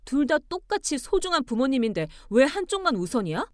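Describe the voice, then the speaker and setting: A woman voicing a composed young wife who argues back calmly and pointedly. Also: sits high, fairly quick, dry recording, clean studio sound, voice pushed up. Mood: cool firm. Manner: calm, pointed, arguing with cool logic.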